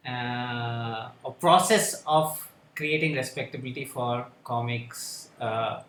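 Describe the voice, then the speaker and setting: A man speaking on a panel discussion, halting and full of fillers and restarts. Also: mid-range voice, a bit bright, slight background noise. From India. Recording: echoey room with faint ambience.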